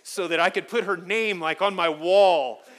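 A man preaching a sermon as pastor, telling stories with animated swings from quiet asides to loud emphasis. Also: sits high, normal speed. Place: church sanctuary.

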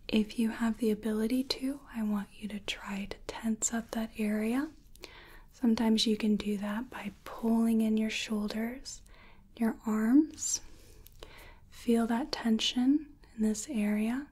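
Young woman doing whispered role-play, super slow and breathy, soothing clinic exam stuff, close to the mic. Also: medium pitch, warm tone. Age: 20s. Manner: soothing, slow guided relaxation instructions. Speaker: ASMR performer playing a sleep clinician.

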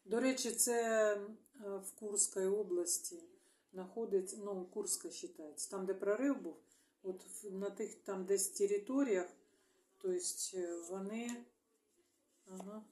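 A Ukrainian woman, a tarot reader, talking alone to her viewers in a halting way, thinking aloud and murmuring small agreements to herself. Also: mid-range voice, mellow. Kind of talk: solo video monologue. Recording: echoey room.

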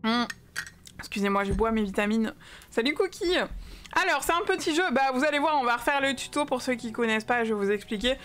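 A woman's voice: a little high, animated, a little fast, fairly bright tone, slight background noise. A young woman from France streaming a game live, chatting casually and greeting viewers by name with lots of fillers.

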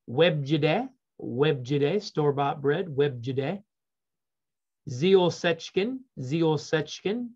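A man, teaching an online language class. He drills vocabulary slowly and repeats it, then adds relaxed, joking asides. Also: on the high side. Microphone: video call. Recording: dull lo-fi video call audio.

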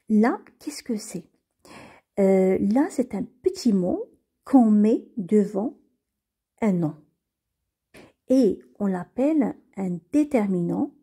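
A woman's voice: mid-range voice, mellow, husky. A woman teaching beginners to read French, patiently repeating and spelling out each word. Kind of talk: slow reading lesson for beginners.

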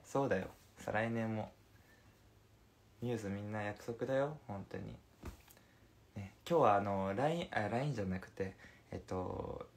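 A young man in his twenties chats casually on a phone livestream, playful and giggly as he answers comments. His voice sits a little low for a man. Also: darkish tone. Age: 20s. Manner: playful and chatty, giggles between remarks. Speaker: livestream host.

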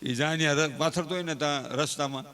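A man's voice: on the high side, fairly quick, fairly bright tone. A man telling humorous folk stories to a live audience in a chatty, teasing way. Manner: chatty, teasing and full of homely sayings. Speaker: folk speaker.

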